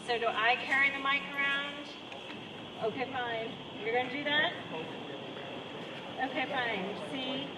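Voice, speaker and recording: A woman's voice: high-pitched, fairly even intonation, unhurried, pauses often. Rambling woman hosting an outdoor Q&A. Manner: chatty, rambling, self-interrupting. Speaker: choreographer and director hosting a post-show Q&A. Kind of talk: casual outdoor post-show Q&A. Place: outdoor performance space. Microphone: handheld mic held away from mouth. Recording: distant echoey outdoor sound with loud traffic noise.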